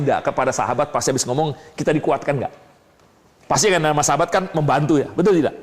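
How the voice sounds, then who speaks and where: A man preaching a sermon, asking his listeners questions and answering them himself, swinging between low asides and sudden high exclamations. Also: a little mellow. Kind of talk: sermon teaching. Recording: long hall reverb.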